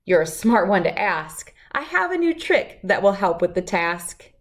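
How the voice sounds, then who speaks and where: In a lilting, expressive way, a middle-aged woman reads a rhyming picture book to a young audience. She speaks in a mid-range voice, taking her time as a children's read-aloud host.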